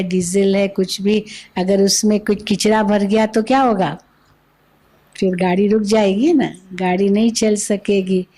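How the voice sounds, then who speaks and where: Slow-spoken woman giving spiritual talk. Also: mid-range voice, dark tone. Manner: slow, patient, explaining with everyday examples. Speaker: spiritual teacher. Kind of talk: spiritual discourse. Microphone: microphone.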